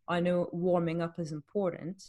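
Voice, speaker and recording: Woman, lowish voice, fitness coach, podcast host, candid casual chat. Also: level tone, moderate pace, mellow. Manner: candid, explanatory, uses rhetorical questions.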